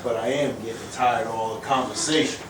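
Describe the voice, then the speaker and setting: A man plays a gangster kidnapper full of slangy tough-guy menace in a live stage play. He is picked up from a distance in a reverberant hall with clear background noise. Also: medium pitch, steady tone, fairly quick, close to an everyday voice. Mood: taunting. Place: theater stage. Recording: distant echoey hall recording, noisy.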